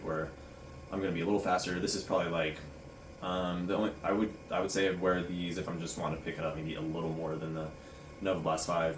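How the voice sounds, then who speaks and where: A man giving a casual, rambling shoe review for a vlog in a halting way. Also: sits low. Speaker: running shoe reviewer and vlogger. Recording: roomy, distant mic, faint noise.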